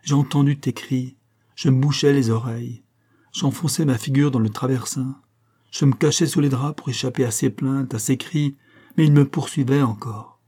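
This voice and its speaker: A man's voice: medium pitch, steady tone, normal speed, mellow, husky, natural voice. A man voicing a prim, unmarried schoolteacher aunt who confides an old secret with earnest feeling, in a read-aloud story. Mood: impassioned confiding.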